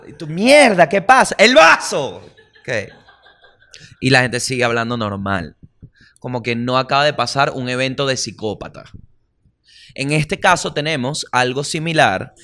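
Man, Venezuelan accent, podcast host, mid-pitched, animated, slangy, swears a lot. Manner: animated, slangy and profane, acts out little voices. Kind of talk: casual comedic chat.

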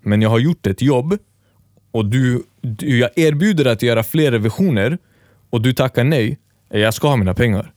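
A man's voice: mid-range voice, lively intonation, darkish tone, dry recording, studio quality. A man co-hosting a podcast, casually telling a long story and acting out both sides of the dialogue. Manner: rambling storyteller, acts out quoted dialogue. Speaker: podcast co-host. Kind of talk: casual chat.

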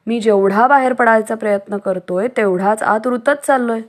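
A woman's voice: on the high side, normal speed, close to an everyday voice. A woman voicing a frightened young male wolf who pleads in a raised, tearful voice. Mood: pleading. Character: young male wolf, scared, stuck in mud.

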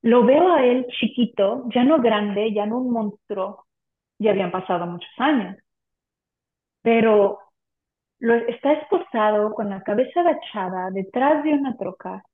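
In an interview, the woman gives a heartfelt, emotional account of her faith. She speaks high and animated but unhurried, and the audio carries an echoey room through a tinny, phone-like line.

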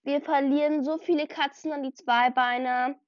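A woman voicing a calm, firm female clan leader cat who speaks matter-of-factly. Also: sits high, moderate pace, dry recording, highs cut off, close to an everyday voice.

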